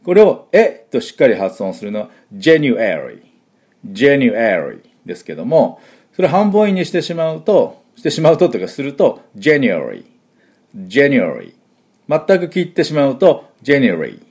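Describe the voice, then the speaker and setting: A man teaching English in a chatty explanatory lesson, full of fillers, slowly sounding out each word. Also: on the high side, sing-song, warm tone.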